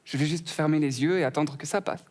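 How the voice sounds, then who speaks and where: A man's voice: a little high, fairly quick. A young man performing a stand-up routine, telling a story full of wordplay and acting out both sides of a conversation. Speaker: stand-up comedian.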